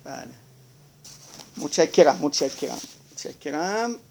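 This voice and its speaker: A man teaching a grammar lesson, spelling out words slowly and asking his students to confirm they follow. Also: fairly high pitch, lively intonation, vocal fry, dark tone, a little hiss or hum. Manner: slow, drawn-out spelling of words, asks class to confirm.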